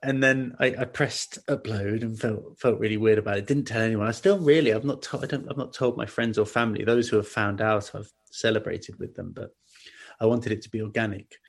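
A man as a podcast guest, telling long stories in an animated way with many restarts and asides. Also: on the low side, brisk, vocal fry. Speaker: guest, outdoor cooking video maker. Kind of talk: casual podcast interview.

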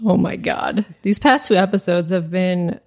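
A woman's voice: on the low side, normal speed, vocal fry. A woman chatting casually as a podcast co-host, reacting in short emphatic phrases. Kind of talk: casual chat.

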